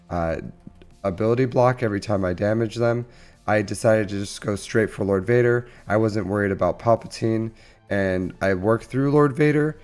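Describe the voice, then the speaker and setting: A man who sounds under the weather, giving casual, halting gameplay commentary as the host of a gaming channel. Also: fairly low pitch, a little mellow. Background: music.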